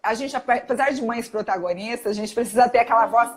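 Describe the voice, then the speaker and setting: A woman with a Brazilian accent, a doctor giving an animated, emphatic live talk. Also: fairly high pitch, fast talker, poor audio. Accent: Brazilian Portuguese. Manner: energetic, emphatic, demonstrates tones of voice. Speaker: guest speaker, doctor.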